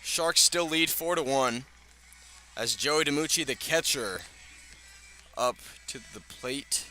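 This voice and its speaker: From an outdoor ballpark, a man delivers live radio play-by-play of baseball slowly, in a medium-pitched voice that's pushed and bright. Soft music plays in the background, clear outdoor ambience surrounds him, and he keeps things conversational with casual asides.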